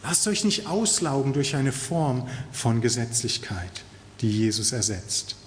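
A man's voice: mid-range voice, expressive, measured pace, in a large hall, a little hiss or hum. A man preaching a sermon in an earnest, emphatic way, stressing key words.

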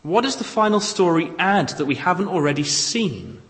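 A man preaching an expository sermon, reading scripture aloud with measured, dramatic emphasis. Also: high voice, animated, fairly bright tone. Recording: long reverb of a large hall.

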